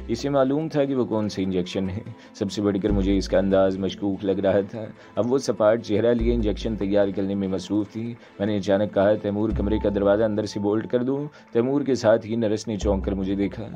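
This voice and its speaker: A man narrates a thriller novel in the first person with a steady, measured delivery. His voice is low and mellow. The audio is dull and lo-fi, with faint background music.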